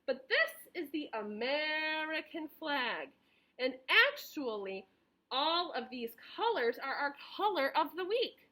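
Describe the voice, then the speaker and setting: A woman teaching young children as if reading to a toddler, encouraging them in simple phrases, stressing key words and pausing for replies. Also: high voice, very animated, bright, forceful tone. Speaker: preschool teacher.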